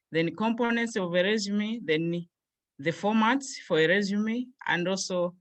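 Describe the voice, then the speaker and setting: A young woman from Malawi, a graduate student, presenting a workshop over a video call and going through points one by one. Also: mid-range voice. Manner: steady explanatory pace, lists points one by one.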